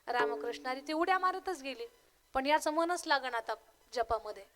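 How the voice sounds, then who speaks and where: A young woman from Maharashtra, a kirtankar, telling a story in a lively, humorous way during a devotional sermon. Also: high-pitched, normal speed.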